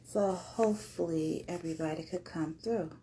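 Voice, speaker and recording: A woman's voice: lowish voice, moderate pace, warm tone, a little hiss or hum. A woman hosting a casual live-stream podcast interview, chatty and upbeat, laughing often. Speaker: podcast host.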